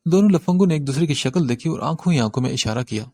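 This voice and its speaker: A man reading a romance novel aloud as an audiobook narrator, in a steady storytelling manner. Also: fairly high pitch, no room sound.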